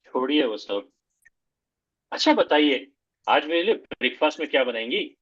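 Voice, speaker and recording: A man acting an easygoing young nephew in a play over a video call, gently soothing his aunt. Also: a little high, expressive, moderate pace, slightly rough, no room sound. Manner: gentle, soothing, mixes in English. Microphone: video call audio. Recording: dry, dull muffled call audio.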